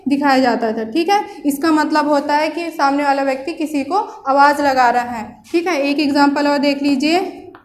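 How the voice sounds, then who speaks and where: A woman's voice: sits high, normal speed. A woman with a Hindi accent from central India, teaching a grammar lesson in a patient way and checking in with her students often. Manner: patient, repeats "ठीक है ना" as a check-in. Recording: roomy echo.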